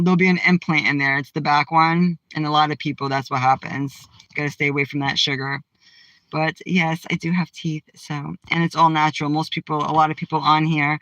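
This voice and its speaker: Speaking from her car, a Massachusetts woman runs a casual livestream where she trash-talks and answers viewer comments in a blunt, brash, outspoken way. Her deep voice carries a slight brightness. There's no room sound, and the highs are cut off.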